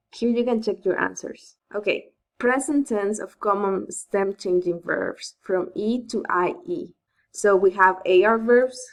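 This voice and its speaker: A woman teaching a recorded language lesson over slides, patient and step by step, saying example verb forms slowly and stressing the syllables. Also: lowish voice, poor audio. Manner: patient, explains step by step, repeats key points. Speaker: Spanish teacher.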